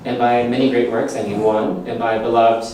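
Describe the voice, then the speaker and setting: Man hosting a live stage show, playful and laughing, boomy theater echo, heard from a distant mic. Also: flat delivery, normal speed, a little mellow, a little hiss or hum. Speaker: comedy science show host. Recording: echoey theater from far off.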